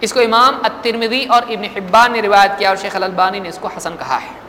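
A man giving a religious sermon. He recites Arabic sayings slowly, then explains them in plain conversational talk with rhetorical questions. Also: high voice, pushed and bright. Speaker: religious preacher. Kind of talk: Islamic sermon. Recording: echoey hall, faint background noise.

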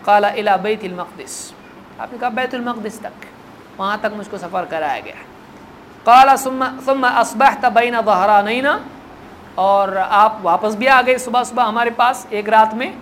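A preacher delivers a hadith lesson at a mid-range pitch. Slow, measured Arabic recitation gives way to lively colloquial explanation, with the story's exchanges acted out. A faint hiss of noise sits under the voice. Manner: acts out the dialogue of the story. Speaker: Islamic preacher.

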